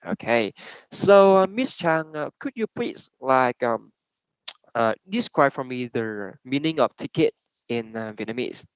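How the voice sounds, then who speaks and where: A man's voice: medium pitch, expressive, slow, clean tone. A man teaching English pronunciation to a class, switching between Vietnamese and English with many fillers. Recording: dull lo-fi recording.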